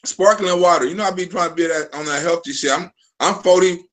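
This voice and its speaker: A man in his forties hosts a live stream and talks fast in a high, fairly bright voice. His casual chat is full of rambling, profane stories that keep starting over.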